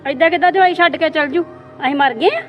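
A woman's voice: very high-pitched, quick pace, lo-fi sound, soft background music. A woman playing a domineering mother-in-law who spoils her son, scolding and dismissive in an amateur family drama.

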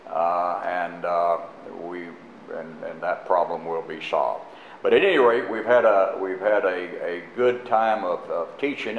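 An older man speaking as a pastor in a church, halting and full of fillers and restarts. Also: deep voice, slight background noise. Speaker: pastor introducing a guest teacher. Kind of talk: unscripted church announcements and sermon. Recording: echoey, muffled live church stream.

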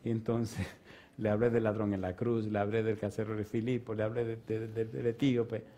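A man preaching an evangelistic sermon and calling people forward, swinging between loud, fervent preaching and soft pleading. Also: on the low side, flat delivery, brisk. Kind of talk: evangelistic sermon with altar call. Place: church stage.

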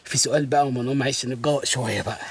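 A man playing a rapid-fire whiny grandson. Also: medium pitch, steady tone, a little hiss or hum, lightly acted. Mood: awkward tender. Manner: whiny, pleading. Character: nervous whiny newlywed grandson. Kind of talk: comedy film acting.

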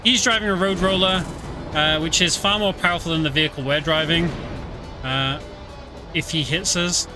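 A streamer and speedrunner chats casually while playing a video game, explaining his moves as he goes. His voice is on the high side with a steady tone and a moderate pace. Game music plays behind him, along with vehicle sounds.

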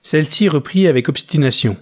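A man reading a novel aloud in even, measured narration. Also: fairly high pitch. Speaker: audiobook reader.

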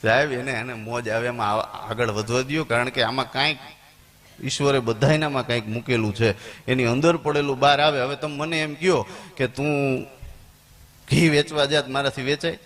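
A man, telling stand-up comedy stories to a live audience and jumping into high squeaky voices for his characters. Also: steady tone, normal speed, a bit bright. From Gujarat, India. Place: stage before a live audience.

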